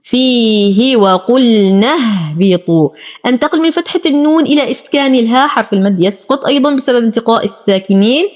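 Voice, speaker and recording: A woman teaching Quran recitation, chanting words slowly and drawn out, then explaining the pronunciation rules briskly. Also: mid-range voice, a little mellow. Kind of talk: tajweed lesson, recitation with rule explanations.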